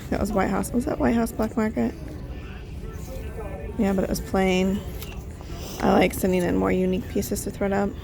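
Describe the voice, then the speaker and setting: Chatty woman with vocal fry. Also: medium pitch, little pitch movement, normal speed, long pauses. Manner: chatty, thinking aloud with fillers. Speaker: reseller vlogger. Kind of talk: casual thrift vlog narration.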